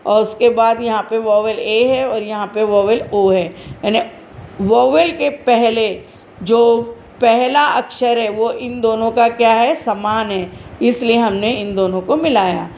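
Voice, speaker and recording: A woman teacher with a fairly high voice who talks slowly and patiently and spells words out letter by letter. She asks questions and then answers them herself. The recording sounds dull and lo-fi, with faint noise behind her. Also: darkish tone. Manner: slow, explains step by step, spells out words letter by letter. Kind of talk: textbook lesson explanation.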